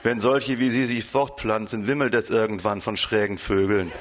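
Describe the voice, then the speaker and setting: A gruff, grumpy barber who brushes off his customer in a low voice, read by a man. The part stays close to the reader's own speech, so it comes across as dry and matter-of-fact. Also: fairly even intonation, normal speed, noisy background, close to an everyday voice. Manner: gruff and dismissive. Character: grumpy, crude male barber.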